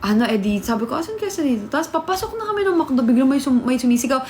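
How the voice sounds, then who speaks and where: A young woman vlogger telling a story in casual chat, animated and laughing, acting out what people said. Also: sits high, fast. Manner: animated, laughing, acts out quotes.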